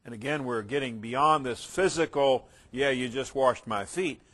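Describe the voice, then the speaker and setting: A man teaching through a Bible passage verse by verse. He reads the text aloud with rising emphasis, then drops into quieter asides to explain it, sometimes stumbling and restarting a phrase. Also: mid-range voice, unhurried.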